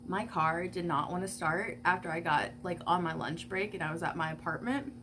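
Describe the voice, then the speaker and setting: This early-twenties vlogger is at home doing her makeup, rambling through a casual get-ready-with-me chat full of fillers and offhand swearing. She sounds congested with a stuffy nose, her voice mid-range, with background noise.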